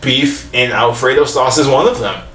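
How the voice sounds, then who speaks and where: A man's voice: mid-range voice, moderate pace, fairly bright tone, far from the mic. Roomy off-mic young man, laid-back. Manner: laid-back, profane, laughs a lot. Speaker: podcast co-host. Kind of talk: casual chat. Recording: roomy, off-mic with faint noise.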